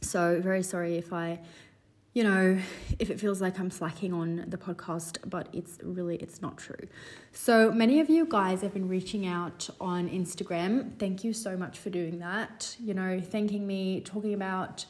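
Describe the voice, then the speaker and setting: A woman's voice: on the low side, moderate pace. A woman in her twenties hosting a solo podcast, talking in an earnest, rambling way with lots of fillers, a little stuffy from a cold. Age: 20s. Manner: warm, earnest, rambling with many "you know" fillers. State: slightly congested, recovering from a cold. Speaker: podcast host. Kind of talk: casual solo podcast talk.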